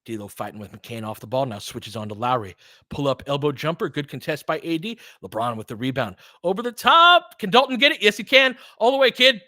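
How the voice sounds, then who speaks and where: A host doing fan play-by-play calls a live basketball game with commentary and analysis in a fairly high voice, talking a little fast. He's informal and partisan and gets excitable on big plays. The sound is close and dry, with no room sound.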